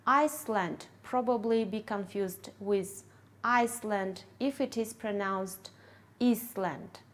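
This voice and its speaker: A woman from Kyrgyzstan, an English teacher, giving a careful training talk and a demonstration lesson with clearly articulated words. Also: mid-range voice. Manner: slow, deliberate, clearly articulated.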